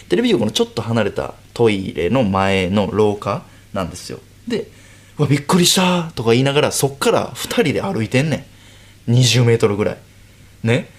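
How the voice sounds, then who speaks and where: Animated Kansai man telling a story. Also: medium pitch. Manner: animated storytelling, acts out quoted lines; self-deprecating. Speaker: radio host. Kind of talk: solo late-night radio talk.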